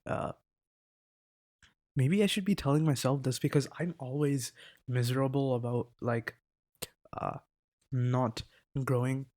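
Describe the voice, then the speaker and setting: A teenage boy with a medium-pitched, darkish voice talks into a desk mic at his laptop indoors. His vlog is casual and rambling, full of self-interruptions, with the odd swear word.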